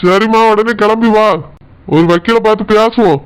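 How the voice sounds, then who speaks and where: A man's voice: sits high, steady tone, moderate pace, noisy background, lightly acted. A man voicing a kind, protective older brother in a cartoon, with a Tirunelveli Tamil accent and a soothing, reassuring manner.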